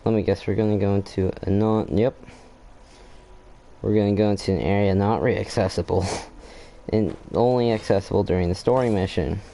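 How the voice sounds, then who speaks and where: A gravelly, dark, lowish male voice with fairly even intonation speaks at normal speed against slight background noise. In a relaxed let's-play, he comments on a game's story quest, thinking out loud, often abandoning and restarting sentences, with short exclamations as reactions.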